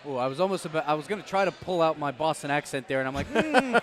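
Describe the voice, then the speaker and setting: A man giving live play-by-play for an axe-throwing tournament, trading jokes between throws. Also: a little high. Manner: joking, quick banter between calls. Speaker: play-by-play commentator. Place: on a platform at the event venue.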